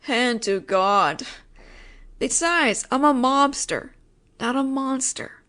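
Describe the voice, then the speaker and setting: Here the same woman, voicing a mafia boss in a roleplay audio drama, speaks slowly in a somewhat bright, high-leaning voice. She still uses wry wiseguy slang and sighs at everyone's incompetence, but her mood turns apologetic and reassuring. Protectiveness shows through her exasperation.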